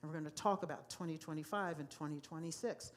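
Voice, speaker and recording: A woman's voice: low voice, fast. A woman pastor preaching a sermon to a congregation in a church, emphatic and given to repeating key phrases. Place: church sanctuary.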